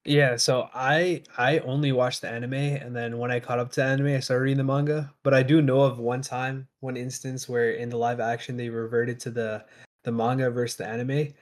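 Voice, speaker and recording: A man giving his views in casual podcast chat, speaking in a measured, hesitant way with many ums. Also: mid-range voice, level tone. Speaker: podcast guest.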